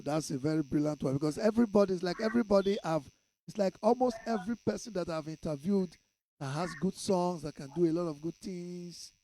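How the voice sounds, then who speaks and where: A Nigerian-accented man hosting a radio interview, with a somewhat high but mellow, warm voice. He asks questions in a playful, probing way and slips into pidgin now and then. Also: poor audio. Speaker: radio host.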